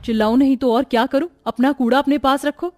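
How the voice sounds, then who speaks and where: A woman's voice: steady tone, fast talker, darkish tone, natural voice. A woman playing a grumbling, fed-up housewife. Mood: annoyed. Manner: grumbling and exasperated, pitched lower. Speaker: daughter-in-law character. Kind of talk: cartoon voice acting.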